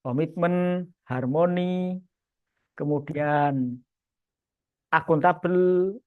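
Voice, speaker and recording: A male instructor lecturing civil service trainees, expressive, pushing his voice loud and then dropping it low for emphasis. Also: extremely slow, dry recording. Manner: expressive, swings loudness up and down for emphasis. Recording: tinny phone-like sound, dry.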